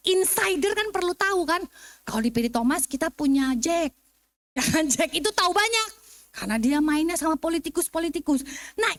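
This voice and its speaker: High-pitched lady from singapore, joking around teaching a bible seminar. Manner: lively, joking, quizzes the audience. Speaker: seminar speaker.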